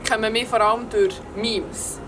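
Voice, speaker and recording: A woman's voice: on the high side, steady tone, normal speed, music in the background. A woman with a Swiss German accent, playing a casual guessing game in a playful, giggly way. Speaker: guest. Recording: distant mic in a noisy place with vehicles.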